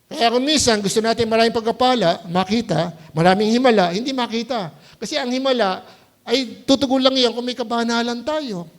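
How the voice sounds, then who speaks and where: A male pastor preaches to his congregation in a loose, conversational way, slipping English words into his Tagalog and often stopping to ask "Hello?" His voice sits high for a man. It has a noticeable gravelly rasp. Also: brisk. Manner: keeps asking the congregation "Hello?" to check they follow. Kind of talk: sermon. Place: church service.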